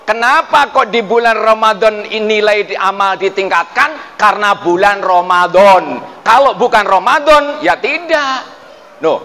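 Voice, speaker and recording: A male preacher giving a sermon, who questions his listeners, calls them "Pak", and chants verses slowly. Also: sits high, sharp tone. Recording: distant mic in a reverberant hall with faint ambience.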